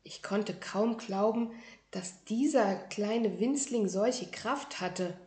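A woman reads a children's book aloud at a slow, deliberate pace. Her tone is calm and even, made for young listeners. Her voice carries a roomy echo. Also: medium pitch. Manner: calm, unhurried storytelling. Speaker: reader presenting library books.

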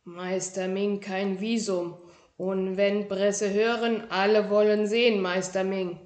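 A woman's voice: medium pitch, little pitch movement, a little mellow, echoey room, natural voice. Woman putting on Meister Ming, a boastful tiny kung fu master. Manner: broken German, slow and emphatic.

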